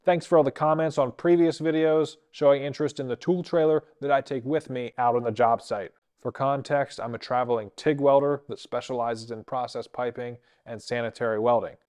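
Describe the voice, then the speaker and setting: Welder guy in his 30s giving a shop tool tour, smooth clear voice, middle pitch, plain practical talk. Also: steady tone, a little fast, few pauses, darkish tone. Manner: plain practical explaining, matter-of-fact. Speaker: traveling TIG welder and channel host. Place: indoor workshop.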